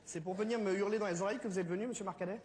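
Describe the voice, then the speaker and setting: A man's voice: high-pitched, fairly even intonation, very fast, a little mellow, a little hiss or hum, natural voice. An actor playing an exasperated man in a comedy sketch, curt and sarcastic, on old tape audio. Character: exasperated middle-aged man pestered at the cinema.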